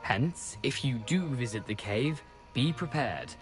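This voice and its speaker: An actor voicing the ghost of a beheaded, mischievous gentleman in a video game, with a genteel, chatty and wry manner. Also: medium pitch, lively intonation, a little slow, soft background music, lightly acted.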